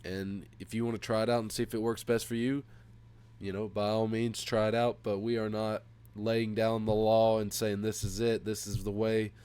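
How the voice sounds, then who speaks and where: Sick sounding guy hosting a podcast, stuffy nasal nose, kinda low but clear voice, chatting casually. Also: little pitch movement, moderate pace, a little mellow. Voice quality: nasal, congested. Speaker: podcast host. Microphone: headset.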